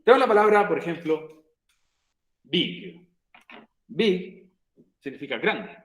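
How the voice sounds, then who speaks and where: A male teacher with a slightly high voice walks students through a grammar rule, patiently repeating each step. The recording carries the echo of a bare room. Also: sing-song, takes it slowly, a bit bright. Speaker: English teacher. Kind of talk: virtual class explanation in Spanish. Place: room, recorded for an online class.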